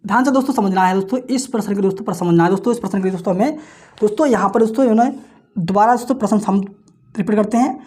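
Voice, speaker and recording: Chanting times tables at speed, a man works sums aloud in an exam-prep maths lecture, addressing viewers as friends in almost every phrase. He asks questions he then answers. His voice sits high with a darkish tone.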